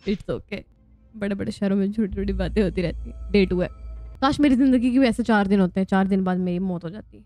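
A woman's voice: medium pitch, brisk, mellow, no echo, faint music behind. A young woman giving casual, joking gameplay commentary, chatty and prone to squealing laughs when scared. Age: young adult. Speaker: gaming vlogger.

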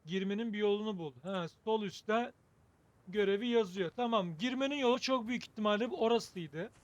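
A man with a high voice gives casual commentary on a video game as he plays. He thinks aloud in a wry, joking way, chatting to his viewers. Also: brisk, no room sound. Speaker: gaming video host.

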